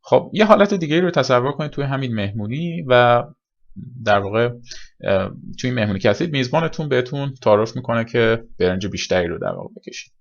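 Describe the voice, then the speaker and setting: A man teaching English pronunciation in a recorded lesson, explaining step by step and repeating examples slowly. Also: mid-range voice, expressive, creaky, lo-fi sound.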